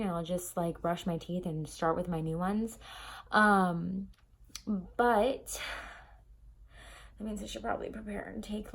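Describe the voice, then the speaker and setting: A young woman talks casually to camera from her bedroom, with a slight lisp. Her pitch sits in an ordinary middle range. She rambles loosely, full of ums and likes, like a personal vlog. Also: gravelly, darkish tone, a little hiss or hum. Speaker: vlogger.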